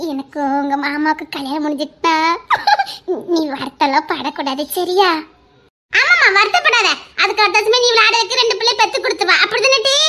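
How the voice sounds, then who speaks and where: A young woman, voicing a cheeky village woman in loud, laughing, bickering audio-drama banter. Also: very high-pitched, heavily acted.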